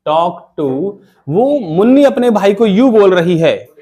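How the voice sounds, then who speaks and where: Male classroom teacher, high and very animated pitch; call-and-response questioning. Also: slow pace. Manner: call-and-response questioning, repeats key terms. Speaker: English teacher. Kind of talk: classroom grammar lesson. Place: classroom with students.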